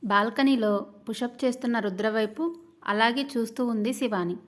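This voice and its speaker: A woman storyteller giving scripted narration of a serial love story in a steady, even manner. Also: on the high side, moderate pace.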